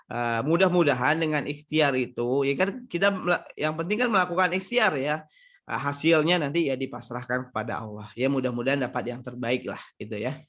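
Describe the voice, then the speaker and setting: A man's voice: medium pitch, fairly quick, a bit bright. A man from Sumatra giving a casual online seminar on marriage, reading out audience questions and answering them conversationally.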